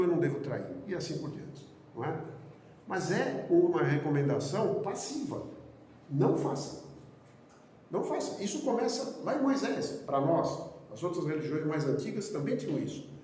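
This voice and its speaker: A man's voice: fairly high pitch, a little mellow, slight background noise. Brazilian man lecturing in an echoey hall. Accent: Brazilian Portuguese. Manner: rhetorical questions, emphatic repetition. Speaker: spiritist lecturer. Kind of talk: doctrinal lecture. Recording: echoey hall, speaker far from mic.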